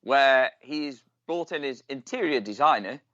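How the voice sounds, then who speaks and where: A man's voice: mid-range voice, animated, a little slow, bright, forceful tone, no echo. A man co-hosting a podcast, cheeky and teasing with crude jokes. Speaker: podcast co-host. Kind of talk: casual chat. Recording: dull lo-fi dry sound.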